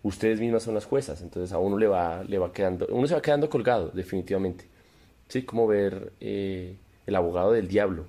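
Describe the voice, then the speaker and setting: A man's voice: low-pitched, a little fast, mellow. A man, a podcast guest chatting casually in a joking, rambling, provocative way. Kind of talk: casual chat.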